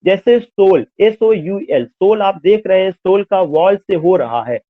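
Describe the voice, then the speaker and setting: A man's voice: high voice, lively intonation, measured pace, dry recording. A man teaching, explaining exam questions step by step and mixing Hindi with English terms, asking and answering his own questions. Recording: dry, tinny phone-like sound.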